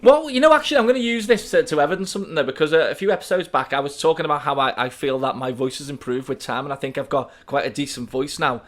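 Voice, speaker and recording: Fast-talking, joking man. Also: on the high side, a bit bright. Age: 30s. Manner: joking, laughs often, quick talker. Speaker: podcast co-host. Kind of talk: casual chat.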